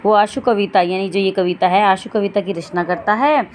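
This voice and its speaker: A woman's voice: mid-range voice, normal speed, darkish tone. A woman teacher reading a Sanskrit text and explaining it line by line for her students. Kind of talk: Sanskrit lesson explained in Hindi.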